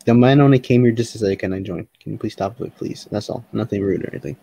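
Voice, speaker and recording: A man's voice: on the low side, quick pace, creaky, warm tone, breathy edge, poor audio. A man chatting casually over voice chat while playing a game, rambling and laughing, often restarting his sentences. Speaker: voice chat role-player. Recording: faint background noise.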